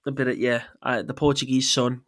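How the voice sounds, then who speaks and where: A man's voice: mid-range voice, flat delivery, brisk. A man hosting a casual football podcast, chatty and laughing often as he quizzes his co-host.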